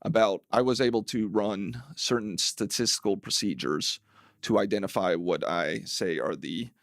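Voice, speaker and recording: A city council member guests on a podcast in a casual interview chat, speaking wryly and analytically with many fillers. His gravelly, lowish voice moves at normal speed, recorded with studio quality and no room sound.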